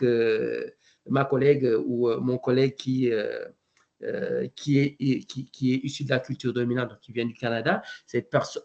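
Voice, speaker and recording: A man giving an online presentation to educators, halting often with fillers and restarts. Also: mid-range voice, dull audio. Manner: hesitant, frequent fillers and restarts.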